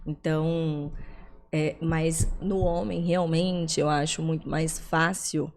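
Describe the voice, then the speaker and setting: Woman podcast host, low-ish voice, conversational and agreeable. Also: fairly even intonation, slow pace, a little mellow.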